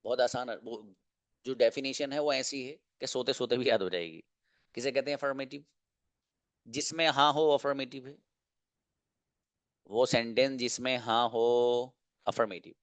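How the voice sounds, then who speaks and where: Male teacher, mid-pitched, dry close sound; patient classroom explainer who answers his own questions. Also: moderate pace, pauses often, no echo. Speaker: English teacher. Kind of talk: classroom lesson.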